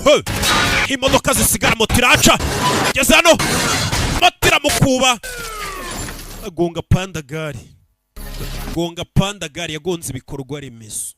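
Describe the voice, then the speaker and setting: A Rwandan man narrates an action film in a high, very animated voice. He is exclamatory and keeps tossing in short interjections, while loud film music plays behind him. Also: fairly quick, pauses often. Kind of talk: excited film commentary, retelling and interpreting action scenes. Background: loud film music and vehicle sounds.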